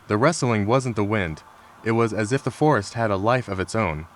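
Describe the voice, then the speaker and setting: A man narrating true scary stories in a measured, calm storytelling manner. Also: on the low side, a little hiss or hum. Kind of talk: scripted narration. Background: rain sounds.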